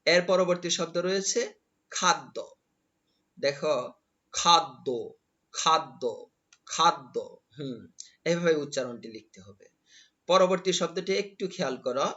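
A man lecturing on correct pronunciation, saying each word several times over slowly so students can repeat after him. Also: fairly high pitch, fairly bright tone, lo-fi sound. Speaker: Bengali lecturer. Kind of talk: classroom lecture.

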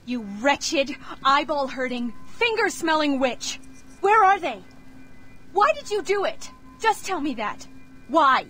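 A woman voicing a fierce young half-elf woman in a fantasy game, shouting and pleading. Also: high voice, big pitch swings, slow pace, faint music behind, heavily acted. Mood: furious. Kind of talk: game voice acting.

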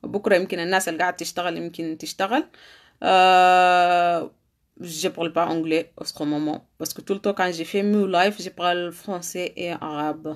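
A woman teaching French in a live online lesson. She repeats phrases slowly for drilling, then chats quickly with viewers between them. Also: fairly low pitch, steady tone. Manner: slow, deliberate repetition of phrases for drilling; quick, conversational asides with fillers.

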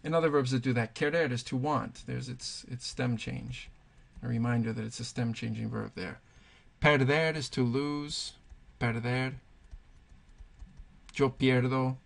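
A man explains Spanish verb conjugations at a whiteboard, patiently thinking aloud and pointing things out as he writes. His voice is medium-pitched, steady, gravelly, and a little slow.

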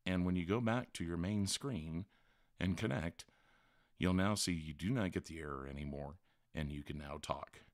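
A tutorial host narrates step-by-step instructions as a voice-over for a how-to screen recording. His voice sits low and moves at normal speed, with studio quality and no room sound.

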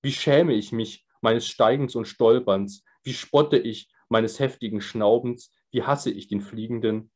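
A man voicing a troubled young man who speaks in a pleading, halting way with small stumbles. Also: mid-range voice, darkish tone, slightly rough. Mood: despairing.

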